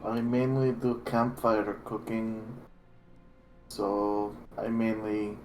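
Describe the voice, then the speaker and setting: A man's voice: lowish voice, little pitch movement, takes it slowly, a little hiss or hum, rough recording. A man playing a tabletop game, speaking hesitantly. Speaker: player. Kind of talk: tabletop role-play.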